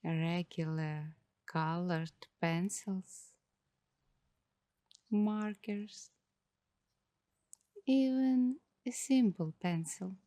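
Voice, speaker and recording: With a voice on the low side, an ASMR host murmurs meditative narration, sometimes in a whisper. She speaks in short phrases with lengthy pauses, and there's no room sound.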